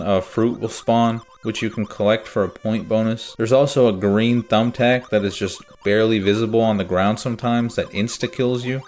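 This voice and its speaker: A man narrating a comedic video game review in a deadpan, sarcastic manner. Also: fairly low pitch.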